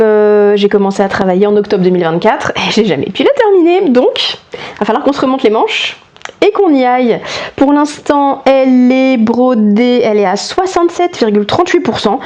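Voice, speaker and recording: Casual woman vlogger, higher register, self-deprecating and talkative, lapel mic at home. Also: a little mellow. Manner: chatty, self-mocking, lots of restarts and fillers. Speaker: cross-stitch vlogger. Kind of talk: casual chat.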